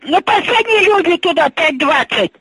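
A woman's voice: extremely high pitch, animated, normal speed, fairly bright tone, dry recording, low-quality recording. An older woman on the phone who cannot hear well, repeating herself in confusion.

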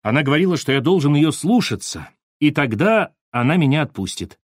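A man's voice: a little high, big pitch swings, brisk, no room sound, studio quality. A man doing a sobbing, hysterical drunk. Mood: pleading. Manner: pleading, tearful, near-hysterical. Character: terrified male drunk electrician, hysterical, sobbing.

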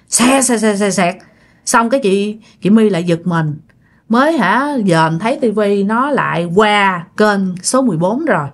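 A woman telling a ghost story in a chatty way, often speaking straight to her listeners. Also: mid-range voice. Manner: chatty, addresses listeners directly. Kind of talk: casual ghost story narration.

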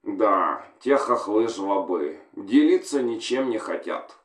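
A man's voice: lowish voice, lively intonation, slow pace. A man voicing a coarse, bullying male soldier commander who barks crude orders, recorded in a roomy space from a distance. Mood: sneering.

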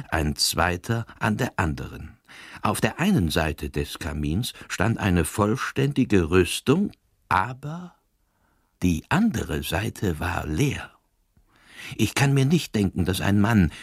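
A man reading the lines of a calm, sharp-minded old priest detective in a grave, slow voice that drops to a hushed whisper. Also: low voice, husky, no echo, clean studio sound, heavily acted. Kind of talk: scripted narration.

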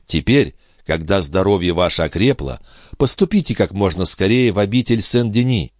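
A man's voice: sits low, lively intonation, normal speed, no room sound, clean studio sound. A man voicing a tender young noble brother. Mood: consoling. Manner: soft, consoling.

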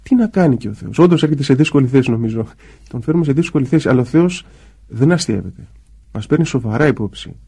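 A man's voice: medium pitch, vocal fry, breathy edge. A man, a priest, talking about prayer in a conversational way and acting out quoted voices as he goes. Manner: acts out quoted voices in lively asides.

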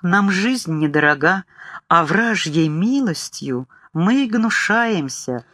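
A man's voice: sits high, expressive, takes it slowly, bright, forceful tone, dry recording, full character voice. A man voicing a grim male co-pilot in a storybook, scornful and unbowed, his voice firming as he goes. The sound is close and dry. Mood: defiant. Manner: scornful, strengthening voice.

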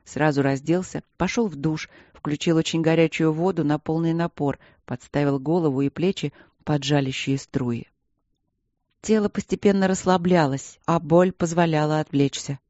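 A man narrating a novel in steady, even storytelling. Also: fairly high pitch, normal speed, dry recording, dull audio. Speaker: audiobook narrator. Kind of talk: scripted narration.

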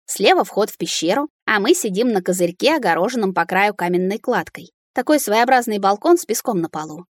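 A woman narrating a first-person fantasy audiobook in a lively, expressive storytelling manner. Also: mid-range voice, fairly quick, dry recording, studio quality. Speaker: audiobook reader.

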